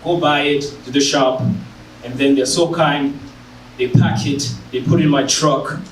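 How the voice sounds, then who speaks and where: A man from Africa with an African accent telling a personal story live on stage, animated and jumping high in pitch when he acts out voices. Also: unhurried. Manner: animated, jumps high when acting out quotes. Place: screening room venue, stage. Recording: echoey room, mic far off, faint hiss.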